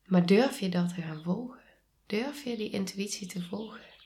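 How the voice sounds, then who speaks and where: A woman with a Dutch accent hosting a reflective solo podcast, speaking calmly and softly and often dropping into a whisper. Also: mid-range voice. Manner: slow, calm, soft-spoken, drops to whispers. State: sneezing. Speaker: podcast host and coach.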